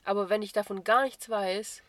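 A woman's voice: mid-range voice, steady tone, normal speed, no echo. A woman co-hosting a podcast, talking things through thoughtfully in casual chat. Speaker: podcast co-host.

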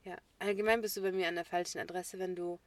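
Young woman, casual co-host chat, animated, slangy, quick to laugh. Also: on the low side, no echo.

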